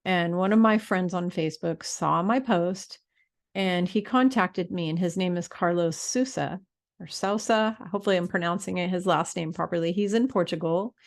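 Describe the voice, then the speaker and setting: A woman's voice: lowish voice, normal speed. A woman talking casually to camera in a rambling, chatty way, with fillers and restarts. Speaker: spiritual vlogger.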